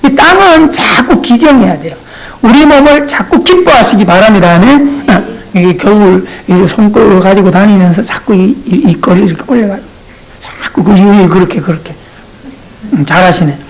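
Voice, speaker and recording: A male pastor preaching a sermon, talking straight to his congregation in a playful, animated way. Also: sits high, normal speed, poor audio.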